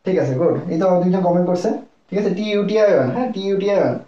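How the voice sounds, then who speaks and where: A young man from Bangladesh giving a live online lesson as a medical admission tutor, talking fast and often checking in with his listeners. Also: sits high, animated, warm tone. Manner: rapid, repetitive, keeps checking in with listeners. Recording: echoey, dull lo-fi room sound.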